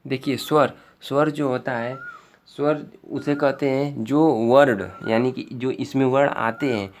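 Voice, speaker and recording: A man's voice: medium pitch, steady tone, a little slow, a little hiss or hum. A male teacher giving an exam-prep grammar lesson, explaining step by step and often repeating himself with fillers.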